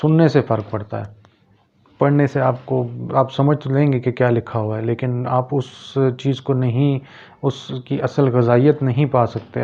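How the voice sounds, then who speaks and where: Gravelly-voiced man giving a religious talk. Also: mid-range voice, mellow, dull audio. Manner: measured, with many pauses and hesitations. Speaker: channel host giving an Islamic talk. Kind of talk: explanatory religious talk to camera.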